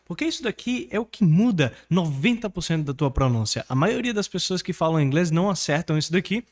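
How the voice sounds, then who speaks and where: A man from Brazil with a high voice that swings up and down as he teaches English. He talks energetically and persuasively, coaxing the viewer to repeat words after him. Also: expressive, a little fast, darkish tone. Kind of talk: online English lesson and course pitch.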